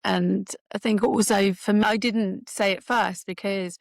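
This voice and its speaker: A woman's voice: medium pitch, steady tone, unhurried, vocal fry, no echo. A woman recounts a personal family story as host, casual and conversational, often restarting her sentences. Her voice sits in a middle register. She is recorded close and dry, with no room sound. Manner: warm, with frequent restarts and laughs. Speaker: host, the daughter who found her father.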